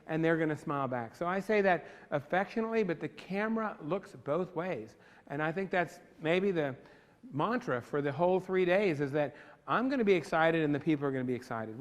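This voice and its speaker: An enthusiastic man leads a photography workshop and keeps turning to his class with questions. His voice sits a little high for a man. The sound rings with the long reverb of a big studio classroom. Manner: enthusiastic, talks to the class directly. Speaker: photography instructor. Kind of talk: live workshop lecture. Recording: long reverb in a large room.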